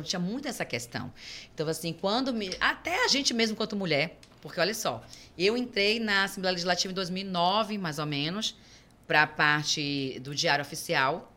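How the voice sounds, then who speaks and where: Woman, Brazilian Portuguese accent, middle-aged, podcast guest, lively storyteller, slightly low, bright tone. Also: brisk. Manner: lively, acts out quoted dialogue. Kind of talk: conversational storytelling.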